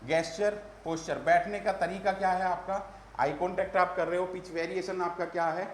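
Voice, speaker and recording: A man's voice: high-pitched, steady tone, moderate pace, a little hiss or hum. Male teacher in echoey room. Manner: addresses students as "beta", repeats key terms. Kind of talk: exam-prep lecture.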